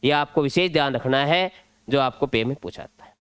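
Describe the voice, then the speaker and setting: A man's voice: medium pitch, brisk, fairly bright tone, smooth, no room sound. A male teacher with a Rajasthani Hindi accent, explaining an exam-prep grammar lesson step by step at a board. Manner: step-by-step explaining, drilling points.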